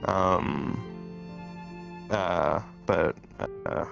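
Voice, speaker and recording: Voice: low voice, drawn-out words, gravelly, over music. A playful speaker bantering casually and teasing friends during a virtual role-play session.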